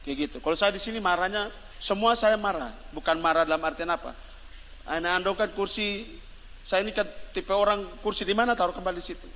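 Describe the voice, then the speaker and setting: A male evangelist with a Kupang Malay accent giving a lively, joking sermon and calling on his congregation to respond. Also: high voice, fairly quick. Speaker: evangelist preacher. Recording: reverberant hall, faint background noise.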